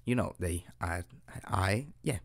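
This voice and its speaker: Deep, slow and laced with vocal fry, the voice belongs to a young Mexican man whose first language is Spanish. Creating an audio roleplay, he acts as a boyfriend offering a relaxed Spanish lesson, hesitant and dorky, giggling and putting himself down.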